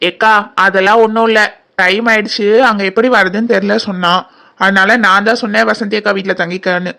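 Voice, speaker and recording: A woman doing a brisk, sleepy young wife. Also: medium pitch, steady tone, gravelly, bright, forceful tone. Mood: brushing off. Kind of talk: cartoon voice acting.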